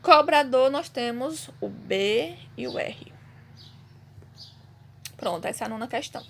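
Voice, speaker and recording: A woman's voice: on the high side, lively intonation, measured pace, gravelly, a bit bright, a little hiss or hum. A Brazilian woman teaching a Portuguese lesson, patiently explaining step by step and often checking in with her students. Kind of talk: recorded online class.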